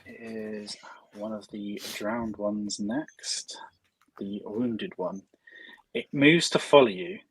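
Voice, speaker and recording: A man's voice: lowish voice, takes it slowly, slight background noise, low-quality recording. A man narrating as dungeon master in a casual, hesitant way, full of "um" and "sort of". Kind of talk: narrating a tabletop game.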